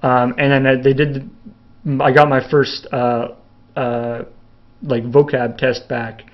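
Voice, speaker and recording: Dull audio captures a young man from Canada speaking slowly in a mid-range voice with little pitch movement. As a video host in a casual live Q&A, he rambles through viewer questions with many fillers and restarts, laughing now and then.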